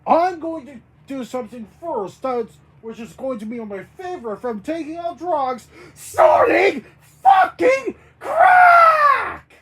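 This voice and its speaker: An amateur storyteller voicing Bert, a furious foul-mouthed man who shouts threats and stumbles over his words. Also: sits high, expressive, moderate pace, hardly any pauses, background noise.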